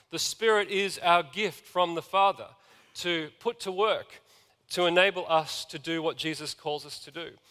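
A man's voice: fairly high pitch, a bit bright. A man preaching a sermon as pastor, earnestly reading scripture and calling out to the congregation. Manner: earnest preaching, reads scripture aloud, asks congregation for amens. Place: church sanctuary. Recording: long reverb of a large hall.

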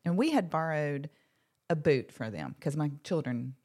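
A woman, co-hosting a podcast and telling a story in a casual, animated way, acting out quotes. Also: deep voice, moderate pace. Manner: animated storyteller, acts out quotes, laughs often. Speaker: podcast co-host.

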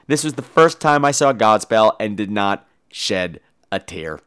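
A man with a fairly low, clean-toned voice hosts a podcast, speaking a little slowly in a casual monologue. He tells stories in a theatrical, catty and animated way, blunt and profane.

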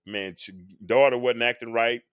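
A man's voice: mid-range voice, steady tone, normal speed, a bit bright, clear, resonant tone, no echo, clean studio sound. A man in his forties hosting a live-stream talk, speaking earnestly like a preacher and now and then singing a phrase. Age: 40s. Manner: earnest, sermon-like, with sung phrases. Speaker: show host being interviewed.

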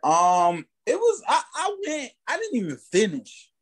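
A man's voice: high voice, wildly swooping pitch, a little slow. A man with an American accent chatting casually as an interviewed music artist, using street slang and repeating his phrases. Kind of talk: casual chat.

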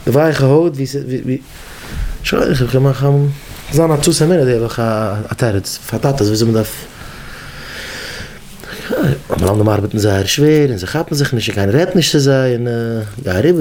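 Man giving a halting, repetitive lecture. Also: mid-range voice, darkish tone, a little hiss or hum. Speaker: rabbi teaching educators. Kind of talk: Yiddish-flavored Torah lecture.

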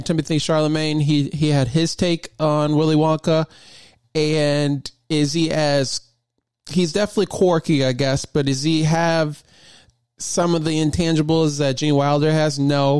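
A man's voice: fairly high pitch, a little mellow, clear, resonant tone, dry recording, studio quality. A man hosting his own podcast, talking casually and enthusiastically, rambling with lots of fillers and restarts. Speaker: podcast host. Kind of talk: casual solo podcast talk.

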